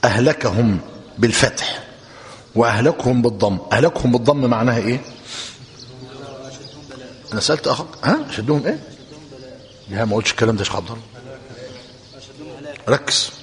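A man's voice: mid-range voice, expressive, fast, long pauses. A man with an Egyptian Arabic accent teaches a religious class, dictating notes and firing questions at his students. His voice rises and falls with animation, and the recording carries a long reverb from a large hall. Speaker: sheikh teaching a book commentary.

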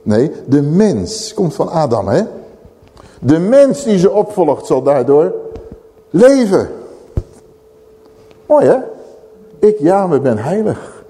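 A man preaching a sermon, reading scripture aloud and commenting in an animated way. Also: a little high, takes it slowly, pauses often. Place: church hall. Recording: long reverb of a church hall.

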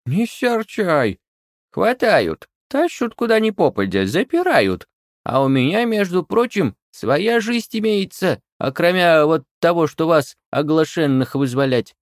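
A man voicing a grumbling old female forest witch, scolding in a shrill voice. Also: big pitch swings, normal speed, dry recording, clean studio sound.

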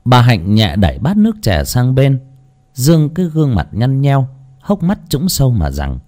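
A man narrating a story in a slow, gentle, lyrical way. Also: medium pitch, huge pitch swings.

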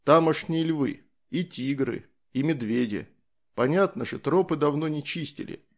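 A man voicing a calm, easygoing soldier in an audiobook, explaining things in a matter-of-fact way. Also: on the high side, unhurried.

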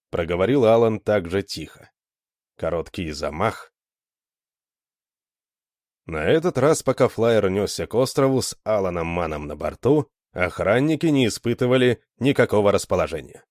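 A man reads a story aloud with expressive, animated narration. His low voice moves widely in pitch. The recording is dry and close, with little room sound. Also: moderate pace, no echo.

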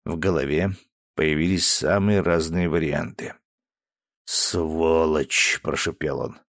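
A man's voice: very deep voice, moderate pace, no echo, studio quality. A man narrating an audiobook, reading expressively and voicing each character. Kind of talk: scripted narration.

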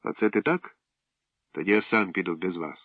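A man's voice: low-pitched, no echo. A man voicing an eager, touchy young village boy in a storybook reading. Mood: offended. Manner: earnest, quick to take offense. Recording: dry tinny phone-like sound.

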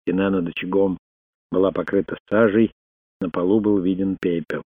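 A man narrating a thriller audiobook in a steady, even reading voice. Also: sits low, normal speed, breathy edge, dry recording. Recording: dry, phone-like narrow sound.

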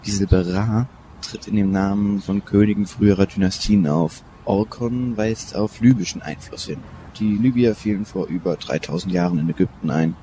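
A man voices an older professor of Egyptology in a radio play. He speaks in a very low voice, measured and in command. A faint hiss runs under it. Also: dark tone, lightly acted. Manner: measured, authoritative.

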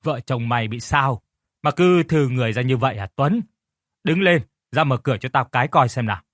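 A man voicing a gruff, fatherly older village man who talks bluntly and bossily. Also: mid-range voice, expressive, brisk, fairly bright tone, dry recording, clean studio sound, natural voice. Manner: blunt, bossy, scolding. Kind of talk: audiobook character reading.

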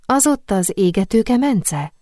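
A woman's voice: mid-range voice, expressive, warm tone, no echo, studio quality, pitched above the performer's own voice, natural voice. A woman reading the part of a cheerful, curious young woman perfumer in an audiobook, speaking politely.

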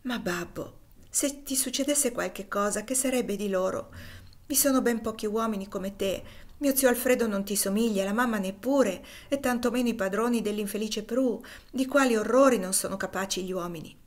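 Woman reading as a frail young girl, gentle, earnest, soft, audiobook reading. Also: medium pitch, normal speed, close to an everyday voice.

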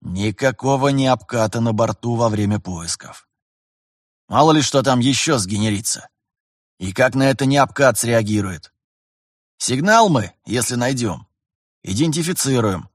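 A man's voice: medium pitch, lively intonation, unhurried, dry recording, clean studio sound. A man voicing a seasoned male pilot master who lectures a trainee in a folksy, mocking way. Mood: lecturing.

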